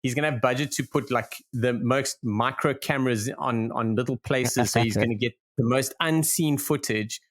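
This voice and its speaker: A man's voice: mid-range voice, normal speed, hardly any pauses. A man with a South African accent, co-hosting a rugby podcast in a playful, teasing chat with frequent laughs. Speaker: podcast co-host. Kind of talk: casual chat.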